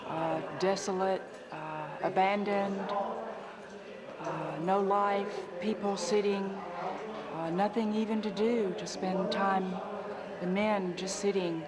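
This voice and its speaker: A woman visitor speaks haltingly, pausing often between words, at a mid pitch. A loud crowd fills the background. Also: fairly even intonation. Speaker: visitor with a delegation. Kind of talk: interview.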